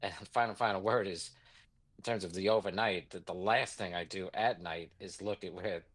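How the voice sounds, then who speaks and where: A man's voice: sits low, steady tone, normal speed, fairly bright tone. A man in his sixties with a New York accent, answering interview questions in a rambling, anecdotal way with many fillers. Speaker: guest, bond market executive.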